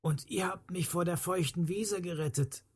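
A storyteller voicing a hurt, helpless older neighbor man who wails high and far-off for help in a children's story. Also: moderate pace, husky. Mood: soft, hushed. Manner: pained, wailing cries for help. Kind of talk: storybook reading. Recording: faint music behind.

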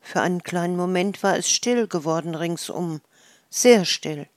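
A woman narrating a children's storybook in a calm, measured way. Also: fairly low pitch, dry recording, studio quality.

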